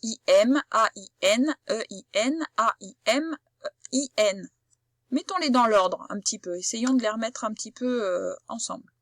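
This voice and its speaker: A woman teaches a child to read. She speaks slowly and patiently, sounding out each word with care, in a slightly high voice. The recording is dry and close, with no room sound. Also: no room sound. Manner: slow, patient, carefully articulated explanation. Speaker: primary school teacher. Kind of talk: phonics lesson for children.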